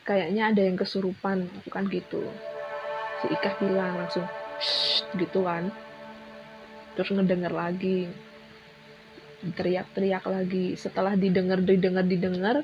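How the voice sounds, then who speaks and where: A young Indonesian woman telling a personal horror story in a casual, chatty way, often restarting and repeating words. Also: on the low side. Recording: dull lo-fi sound with music behind.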